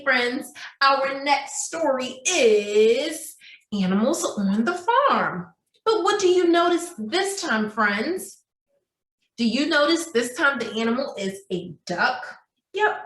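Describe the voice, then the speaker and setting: A preschool teacher with a high, fairly bright voice reads aloud and leads a craft lesson in a sing-song way, asking young children questions. The indoor recording is roomy and echoey.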